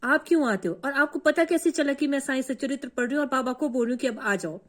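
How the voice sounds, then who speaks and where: An earnest woman with a high-pitched, raised voice speaks fast as she shares her own devotional experience. Her emotional first-person testimony is repetitive and heartfelt.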